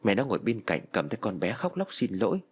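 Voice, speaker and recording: Husky man telling a ghost story. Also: lowish voice, fast. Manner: dramatic, expressive storytelling.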